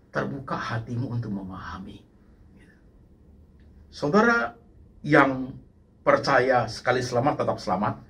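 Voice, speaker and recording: A man preaching a sermon to a congregation, animated and sprinkling in English words. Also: mid-range voice. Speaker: pastor.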